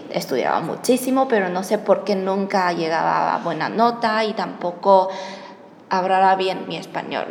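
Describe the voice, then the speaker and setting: Recorded in an echoey hall with faint background noise, this is a young Chinese woman giving an interview and telling a personal story in her second language, Chinese being her native tongue. Her pitch is medium. Her delivery is hesitant, with word searching and self-correction.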